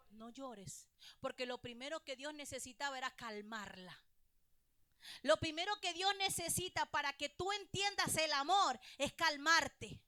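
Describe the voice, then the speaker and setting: A woman pastor delivers a sermon in a high, bright voice at an unhurried pace. She speaks straight to her listeners and repeats phrases for emphasis. The sound is dry and close. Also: no room sound. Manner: preaching with rising and falling emphasis, addresses listeners directly.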